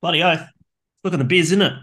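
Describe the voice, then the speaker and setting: A man's voice: on the high side, fast talker, a bit bright, a little hiss or hum. A man with an Australian accent co-hosting a casual beer chat in a colloquial, matey way. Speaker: beer show co-host, brewer.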